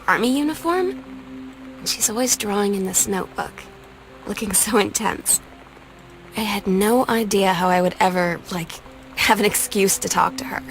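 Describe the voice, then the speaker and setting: An earnest teenage girl narrating her journal in a game, voiced by a woman. Her tone is wistful and conversational, at an ordinary pitch. Soft music plays under her. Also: lightly acted, rough recording. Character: teenage girl confiding about a crush.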